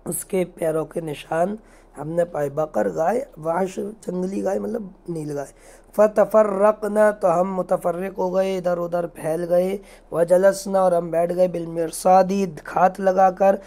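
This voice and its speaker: A male Arabic teacher giving a beginners' lesson, reading each phrase slowly and then explaining it. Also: sits high, fairly even intonation, warm tone. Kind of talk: line-by-line reading and translation lesson.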